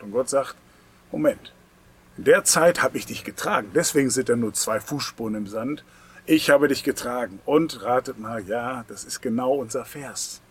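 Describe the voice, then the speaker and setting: Male preacher, sermon delivery, loud emphatic peaks dropping to near whispers, faint noise behind. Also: medium pitch. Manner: intimate, speaks directly to the listener.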